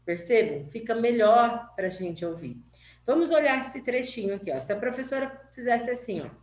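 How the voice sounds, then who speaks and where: A woman's voice: fairly high pitch, lively intonation, darkish tone. A Brazilian woman teacher, sick with covid and wearing a mask, gives a patient remote lesson to children and checks in with "né?" and "tá?" as she goes. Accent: Brazilian Portuguese. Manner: slow, patient, with many "né?" and "tá?" checks. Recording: echoey room with faint hum.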